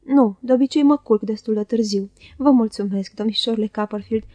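A cringing, falsely humble young clerk who fawns and flatters in a soft, oily voice, read by a woman. The tone sits a touch high and mellow, recorded close and dry for an audiobook. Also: no echo, dull audio, close to an everyday voice. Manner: oily, unctuous, soft-spoken.

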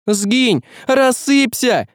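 A man's voice: extremely high pitch, big pitch swings, extremely slow, no room sound, studio quality, voice pushed up, heavily acted. A man voicing a young village girl who talks in old rustic folk speech, anxious and near tears. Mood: fierce.

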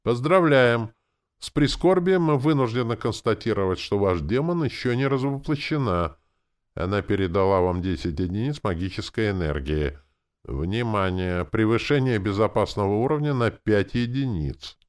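A man's voice: lowish voice, expressive, moderate pace, clear, resonant tone, pitched above the performer's own voice, natural voice. A man reading an audiobook, voicing an impersonal magical system announcer in a formal, official tone.

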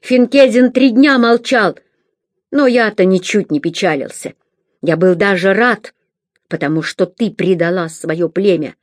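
A woman's voice: mid-range voice, measured pace, no echo, studio quality, lightly acted. A woman doing a bitter, snarling young man. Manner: harsh, barking, contemptuous. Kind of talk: audiobook character voice.

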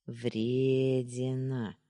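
A woman voicing a tired young man who talks slowly and coaxingly on the phone, with a husky voice. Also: extremely low pitch, very animated, dark tone, dry recording, heavily acted. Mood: teasing. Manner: slow, coaxing, teasing drawl.

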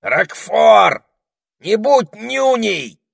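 A man's voice: on the low side, big pitch swings, unhurried, bright, forceful tone, no room sound, studio quality, voice pushed up, full character voice. A man voicing a bossy, snappy male parrot in an audiobook. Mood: irritated. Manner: snappy, chatty, impatient. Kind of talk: audiobook character voice.

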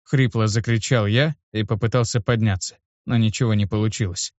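Low-voiced male audiobook narrator. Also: fairly even intonation, brisk, no room sound. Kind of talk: first-person fantasy narration. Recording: dull lo-fi dry recording.

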